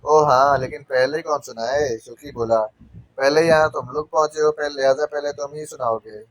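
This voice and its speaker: A man's voice: a little high, fairly even intonation, normal speed, no echo. Man reading a spy novel aloud. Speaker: audiobook narrator.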